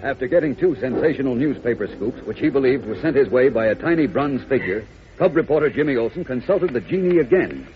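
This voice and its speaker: A man's voice: medium pitch, expressive, brisk. A man narrating a 1940s radio serial as announcer, with dramatic scripted delivery. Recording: dull old radio recording with music.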